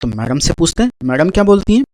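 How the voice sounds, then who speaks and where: A man runs a vocabulary quiz. He talks in an animated way and counts down timers aloud. His voice is recorded dry and close, with no room sound. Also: on the high side, fast talker, no room sound, rough recording. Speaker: English quiz teacher. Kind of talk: Hindi-language vocabulary quiz.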